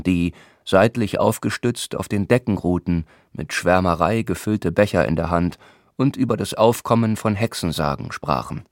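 A man narrates an audiobook in a calm, measured way, his voice sitting low. The reading is literary and even. The recording is dry and close, with no room around it. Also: no room sound.

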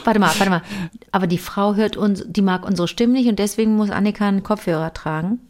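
A woman co-hosting a podcast in casual chat, chatty and quick with questions and jokes. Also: mid-range voice, darkish tone. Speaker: podcast co-host.

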